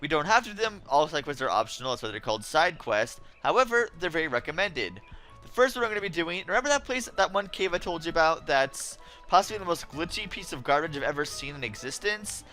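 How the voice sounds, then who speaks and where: Lively bright-voiced man narrating gameplay. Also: fairly high pitch, fast, soft background music. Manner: chatty, wry and easily annoyed. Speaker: let's play host. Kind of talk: casual game commentary.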